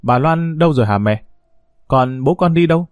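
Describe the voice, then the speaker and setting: A man's voice: on the high side, animated, normal speed, a little mellow, no echo, clean studio sound, natural voice. A man doing a blunt, indignant young woman. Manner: outspoken, heated.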